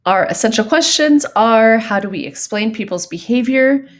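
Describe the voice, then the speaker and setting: A woman's voice: a little high, expressive, moderate pace. A woman from Southern California giving recorded psychology lecture notes in a conversational way, with frequent ums and the odd y'all. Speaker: psychology teacher.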